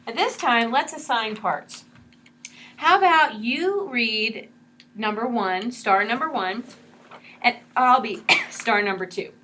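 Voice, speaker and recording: A woman's voice: a little high, slow, sharp tone, a little hiss or hum. A woman teaching a one-on-one reading lesson, explaining patiently and encouraging her student step by step.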